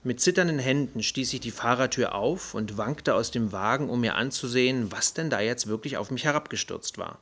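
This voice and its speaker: A man reading a first-person audiobook story in an even, measured way. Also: mid-range voice. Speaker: audiobook narrator. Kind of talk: first-person scripted narration.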